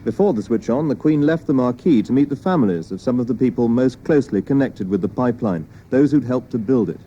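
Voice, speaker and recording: A man reading a broadcast news report in a crisp, measured way, heard from a worn tape copy of an old broadcast. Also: mid-range voice, lively intonation, mellow. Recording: dull hissy tape copy.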